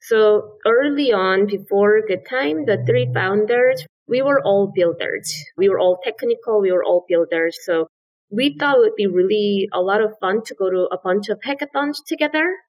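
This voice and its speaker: A South Korean startup founder, appearing as a podcast guest, answers earnestly and explains things, often repeating "absolutely" and "so." Her medium-pitched voice is animated and moves at normal speed, though the recording's highs are cut off.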